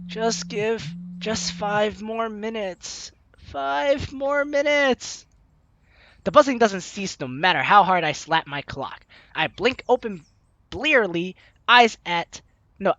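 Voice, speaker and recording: A young woman hosts a let's play, reading the game's story aloud expressively and commenting along the way. Her medium-pitched voice is bright and forceful, close on the mic with no room sound.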